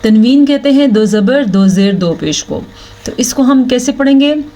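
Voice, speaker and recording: A woman teaching Quran recitation rules step by step. She explains each rule patiently, checks in often, then chants the Arabic words slowly. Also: fairly high pitch, animated, dark tone. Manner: checks in with "thik hai" often. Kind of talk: slow, step-by-step tajweed lesson.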